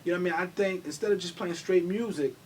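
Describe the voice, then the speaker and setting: A man's voice: fast talker, a little mellow. A man from New hosting a casual talk show, speaking in laid-back slang and saying "you know what I mean" a lot. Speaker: show host. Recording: distant mic with faint rumble.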